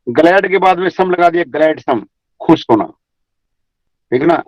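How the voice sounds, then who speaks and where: A man's voice: a little high, expressive, no room sound, muffled recording. A middle-aged man from India teaching an English class online, going over examples again and again. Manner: slow, repeats examples, mixes English terms into explanations.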